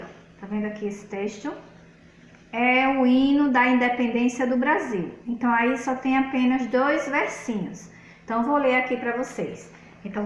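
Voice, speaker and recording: A woman's voice: fairly high pitch, roomy sound, rough recording. A woman with a Brazilian Portuguese accent, teaching a recorded video lesson and patiently walking pupils through a worksheet. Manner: patient, slow and explanatory, with many spoken fillers. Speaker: schoolteacher.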